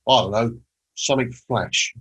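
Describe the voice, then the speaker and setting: A brash young London lad shrugs off every question in a low, husky voice, as a man quotes him. He sounds offhand and noncommittal. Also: brisk, low-quality recording.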